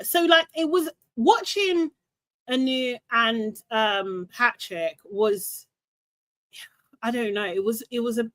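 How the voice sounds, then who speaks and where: A woman's voice: a little high, no room sound. Exasperated woman, dry sound. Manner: animated, exasperated, laughs often. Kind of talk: casual recap chat.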